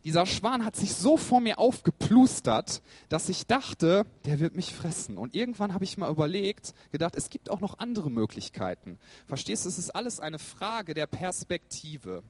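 A man's voice: sits high, sing-song, normal speed, few pauses, darkish tone, slightly rough. A man preaching a sermon, who tells funny stories and speaks straight to his listeners with questions. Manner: humorous storyteller. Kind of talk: sermon with personal anecdote.

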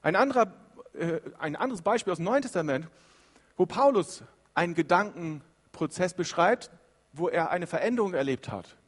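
A man preaching a sermon in a lively, conversational way, acting out the doubting thoughts of his listeners. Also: high voice, normal speed, big-room sound. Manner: lively, acts out quoted inner voices.

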